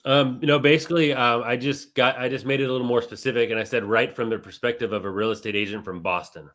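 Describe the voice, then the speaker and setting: A man's voice: mid-range voice, steady tone, quick pace, a bit bright. A man co-hosting a casual talk show, explaining things step by step in a conversational way. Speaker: co-host. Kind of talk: casual chat.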